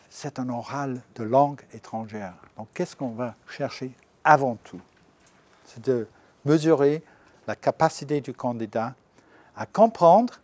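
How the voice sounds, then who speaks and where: A man's voice: mid-range voice, warm tone, no room sound. A middle-aged man giving an informal presentation to exam candidates, chatty, with joking asides and slips into English. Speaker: language centre director presenting exam.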